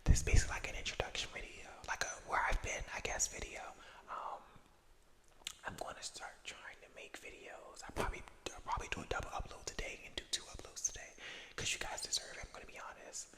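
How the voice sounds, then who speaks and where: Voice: fast talker, a bit bright. An ASMR creator of unclear gender whispering a casual, reflective personal ramble in a hesitant, self-correcting way, with an echo effect on the voice. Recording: long echoing reverb on whisper.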